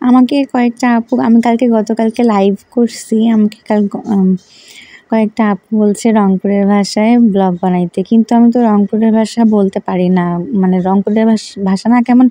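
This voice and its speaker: A woman's voice: medium pitch, warm tone, dry recording. A woman vlogger from Rangpur, Bangladesh, chatting in a casual, rambling voice-over and often correcting herself.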